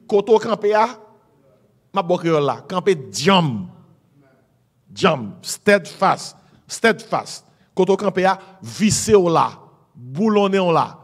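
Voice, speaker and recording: A middle-aged man with a Haitian Creole accent preaching a sermon, mixing Creole and French, exhorting with "amen" and "hein?". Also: a little high. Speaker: pastor.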